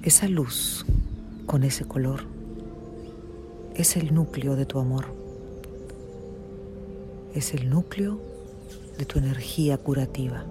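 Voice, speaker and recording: A narrator leads a guided meditation in the soothing, hushed manner of a sleep story, leaving long pauses between phrases. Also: mid-range voice. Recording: music behind the voice.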